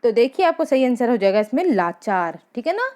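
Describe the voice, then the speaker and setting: A woman teacher leading an exam-prep lesson, reading out each question and its options slowly, then giving and explaining the answers. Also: fairly high pitch, very animated, a little mellow.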